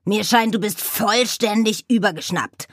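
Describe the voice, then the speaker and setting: A woman voicing a cranky know-it-all male raven who scolds in a shrill, squawking way. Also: measured pace, no room sound, clean studio sound, lightly acted. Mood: scolding.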